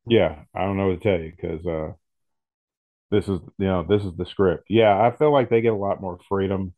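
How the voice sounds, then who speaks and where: A very low-pitched man co-hosts a casual podcast, easygoing and agreeable. He restarts his sentences often and fills gaps with "yeah". The audio is narrow and phone-like. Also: moderate pace, no echo. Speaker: podcast co-host. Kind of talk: casual chat.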